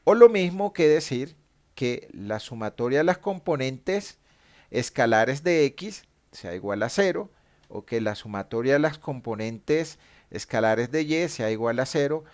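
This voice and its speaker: Slow, patient male lecturer. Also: medium pitch, expressive, darkish tone. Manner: slow, patient explaining, stops to correct mistakes. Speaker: teacher. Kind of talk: statics lecture to a class.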